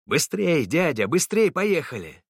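A man voicing a small boy who pleads in a high child's voice. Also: big pitch swings, brisk, fairly bright tone, dry recording, clean studio sound. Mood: eager. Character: small boy, eager then frightened and tearful.

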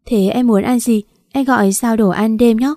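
A woman voicing a doting young husband, gentle and coaxing, in a read-aloud story. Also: on the high side, fairly even intonation, normal speed, no room sound, clean studio sound, close to an everyday voice.

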